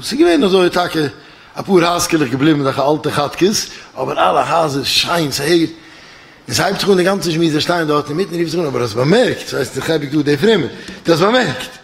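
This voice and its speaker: A man giving a religious lecture as a yeshiva lecturer, telling a story and acting out its dialogue with lively restarts. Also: a little high. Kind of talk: religious lecture told as a parable.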